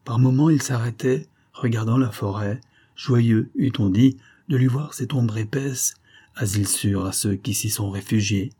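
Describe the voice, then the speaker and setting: A man narrating an adventure novel in a measured, dramatic reading. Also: medium pitch, warm tone, breathy edge. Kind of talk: scripted audiobook narration.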